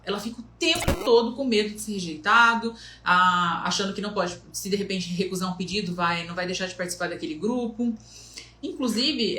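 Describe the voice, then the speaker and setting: A woman coach talks through self-esteem in a steady mid-range voice. She walks through her points one by one and slips into little quoted voices to illustrate them. The room around her rings with a noticeable echo. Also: mid-range voice. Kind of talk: motivational talk. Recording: echoey room.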